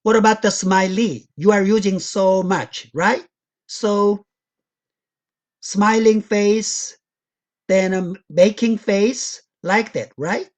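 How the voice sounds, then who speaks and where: Woman guest lecturer with an unhurried delivery. Non-native English, explanatory teaching tone. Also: mid-range voice, a little mellow. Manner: slow, deliberate, non-native English with loose grammar; asks the audience frequent check questions. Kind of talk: academic lecture walking through slides.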